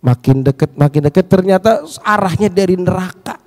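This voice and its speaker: A man preaching a sermon, telling a dramatic story with many rhetorical questions and swinging between hushed and raised passages. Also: sits high, a little fast.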